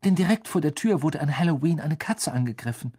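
A brisk, clever schoolgirl, as a narrator puts her on, speaking in a noticeably higher, eager voice. Her tone is matter-of-fact and busy. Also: animated, mellow, husky.

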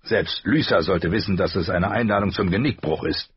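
A man voicing a blunt, sharp-tongued older male knight who talks brusquely. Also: sits low, moderate pace, slightly rough, no room sound, muffled recording. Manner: brusque and outspoken.

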